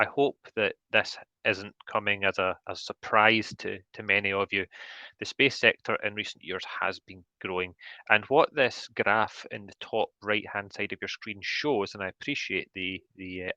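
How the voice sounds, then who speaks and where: A guest lecturer with a broad Scottish accent presents an academic webinar, sounding slightly hesitant and repeating words. His voice is on the low side, bright and forceful with no echo, though the online call audio is dull and lo-fi.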